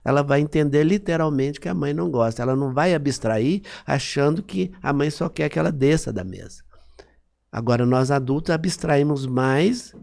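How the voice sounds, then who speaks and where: A man's voice: fairly high pitch, moderate pace, vocal fry, a little mellow. A man, a psychologist guest on a podcast, explaining things in a teaching manner and often checking that he is understood.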